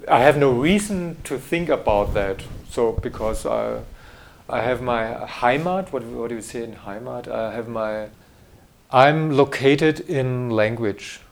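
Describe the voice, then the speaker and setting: In a mid-range voice with vocal fry, a middle-aged German man, a graphic designer, responds to interview questions in English at a slightly slow pace. His German accent is clear, and he stumbles through fillers and restarts.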